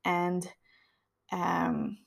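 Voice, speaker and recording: In a reflective personal monologue, a podcast host of about thirty sounds earnest and introspective. She speaks in a lowish, creaky monotone, drawing out her words.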